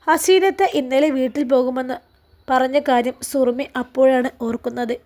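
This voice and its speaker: A woman narrating a serialized family story in a steady, emotive reading. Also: high-pitched.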